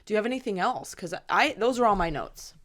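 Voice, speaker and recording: Chatty excitable woman podcast co-host. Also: medium pitch, quick pace. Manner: chatty and excitable, swears casually. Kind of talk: casual chat.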